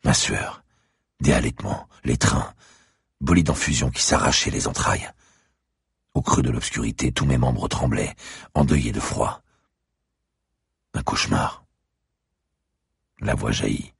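Man, extremely deep voice, gravelly, husky, brooding first-person audiobook narration, dry close sound. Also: no echo. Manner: slow, brooding delivery, rises sharply in his spoken lines.

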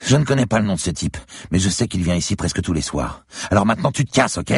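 A man voicing a tough, foul-mouthed woman bar owner in a thriller audiobook, speaking shrill and loud. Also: lively intonation, fast, gravelly, husky, no echo, studio quality, heavily acted. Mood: defiant.

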